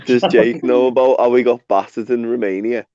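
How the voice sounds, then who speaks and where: A man's voice: medium pitch, steady tone, a little fast, warm tone, no echo, lo-fi sound. A man in casual stream chat, recounting a story hesitantly with constant fillers and repeated words.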